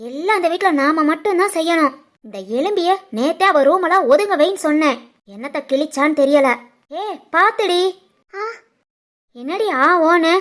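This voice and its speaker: A sarcastic, nagging middle-aged housewife from an animated family story, voiced by a woman. She speaks with a Tirunelveli Tamil accent and scolds at every turn. Her voice is piercingly high. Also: normal speed. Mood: scolding.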